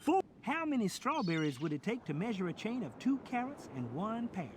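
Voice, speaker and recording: A man's voice: sits high, big pitch swings, brisk, background noise. A man playing a chatty, cheerful country grocer in an educational game. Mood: encouraging. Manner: folksy drawling country talk. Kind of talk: scripted educational game character acting.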